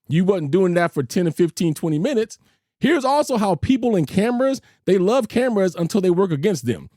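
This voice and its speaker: A middle-aged man tells a personal story on his podcast, blunt and colloquial, acting out what people said. His pitch moves a lot, rising and falling with each turn of the story. The sound is dry and close, with no room around it. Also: dry recording. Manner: animated, acts out quoted voices. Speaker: podcast host.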